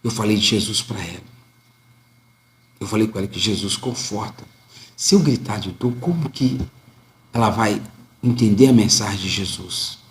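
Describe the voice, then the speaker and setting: A man with a Brazilian Portuguese accent voicing a dying elderly woman of calm faith, speaking softly and quietly. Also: on the low side, moderate pace, pauses often, slight background noise, voice pushed down, lightly acted. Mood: serene.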